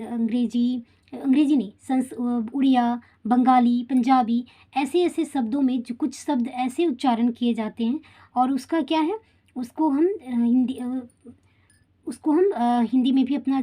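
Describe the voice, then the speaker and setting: Woman teacher, lesson to schoolchildren; high, soft-toned voice, checks in with the class as she explains. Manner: addresses children directly, checks in with tag questions. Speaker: Hindi teacher.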